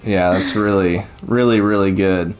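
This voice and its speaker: A man's voice: low voice, fairly even intonation, a little slow, noisy background. A man chatting casually and encouragingly as he tours a theme park build, rambling with fillers. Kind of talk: casual chat over gameplay.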